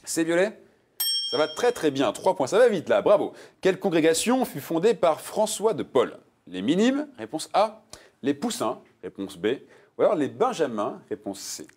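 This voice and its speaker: Over slight background noise, a TV quiz host with a fairly high voice speaks at a moderate pace. He's in a jokey, playful mood, lending the multiple-choice answers lively emphasis as he quizzes contestants.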